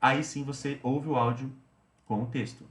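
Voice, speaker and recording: A male English teacher talks through a study routine in a relaxed, chatty way, often restating points and adding little tag questions. His voice sits at a middle pitch. The recording has a roomy echo, as if captured at a computer. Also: normal speed. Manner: chatty, repeats himself, tags phrases with "né".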